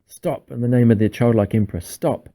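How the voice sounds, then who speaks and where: A man's voice: fairly low pitch, steady tone, quick pace, dark tone, natural voice. A man voicing a brave young boy hero who speaks in a bold, determined way. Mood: shouting.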